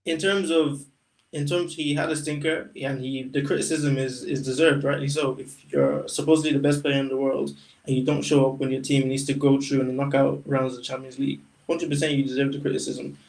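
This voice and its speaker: A man's voice: mid-range voice, level tone, brisk, creaky, a little mellow, distant mic, poor audio. Man arguing his point a little off-mic. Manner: direct, argumentative, with casual slang. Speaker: podcast co-host, Liverpool fan. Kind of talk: casual football chat.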